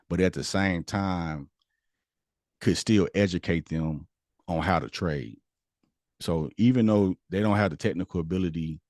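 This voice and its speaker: A man's voice: deep voice, a little mellow, no room sound, studio quality. A man teaching a stock trading class, talking loosely and conversationally as he walks through a chart. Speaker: trading instructor. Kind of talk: casual screen-share trading lesson.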